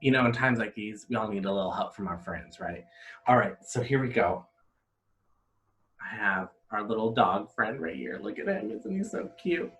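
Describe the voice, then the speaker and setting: A man, an elementary school teacher, giving a playful, animated video lesson to young children. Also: on the low side, moderate pace, slight background noise. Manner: animated, upbeat, playfully exaggerated.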